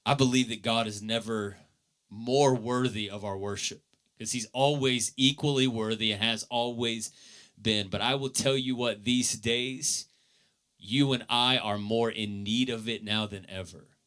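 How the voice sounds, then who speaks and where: A man preaching a sermon as pastor, earnest, with his voice swelling loud and then dropping low. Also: fairly even intonation, a little slow.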